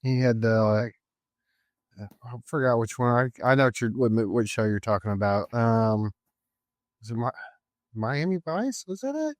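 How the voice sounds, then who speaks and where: A man's voice: mid-range voice, lively intonation, moderate pace, long pauses, no echo, clean studio sound. Man in his forties, hesitant co-host. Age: 40s. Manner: short agreeing interjections, hesitant when recalling. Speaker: podcast co-host. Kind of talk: casual chat.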